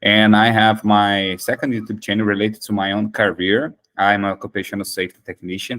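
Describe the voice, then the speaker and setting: Hosting an English practice meeting, a Brazilian man whose native language is Portuguese leads a casual conversation, speaking hesitantly and restarting often. His voice is fairly low in pitch with a fairly bright tone.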